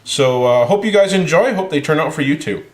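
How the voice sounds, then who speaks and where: A man leading a home cooking demonstration, calmly explaining each step to a child in a kitchen. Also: a little high, a little fast. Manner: calm, explaining steps to a child. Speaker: home cook. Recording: roomy kitchen echo.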